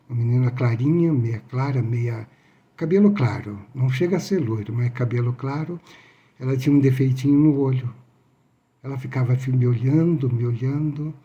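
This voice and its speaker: A man from the São tells his story with a deep, mellow, very dark tone. He pauses often, restarts sentences and circles back on the same phrases as he tells it. His pitch sits right in the ordinary middle. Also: lo-fi sound. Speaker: near-death experience witness. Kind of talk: personal testimony storytelling.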